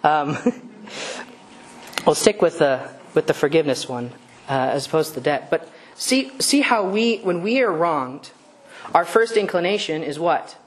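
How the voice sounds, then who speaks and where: Woman preacher, lowish voice, conversational sermon full of rhetorical questions. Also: expressive, measured pace. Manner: conversational, asks rhetorical questions, self-correcting.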